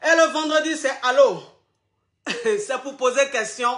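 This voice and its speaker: A man's voice: very high-pitched, unhurried, sharp tone. A man hosting a playful online chat show, out of breath, teasing and laughing with his viewers. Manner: flamboyant, teasing, laughs often, calls viewers "my loves".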